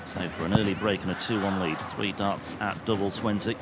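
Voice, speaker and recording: A man giving live darts commentary as lead commentator, in measured, descriptive phrases. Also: low-pitched, steady tone. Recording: loud crowd and venue noise. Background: noisy darts crowd.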